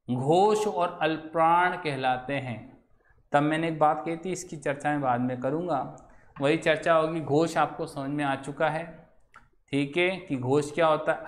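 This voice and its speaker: A male teacher giving a Hindi grammar lecture in a classroom, asking the class questions and answering them himself. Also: on the high side. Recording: echoey room.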